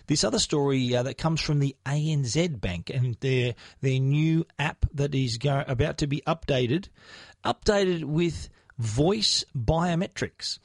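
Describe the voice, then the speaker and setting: A man's voice: fairly high pitch, unhurried, no room sound, studio quality. An Australian man hosting a tech news podcast, talking conversationally with frequent restarts.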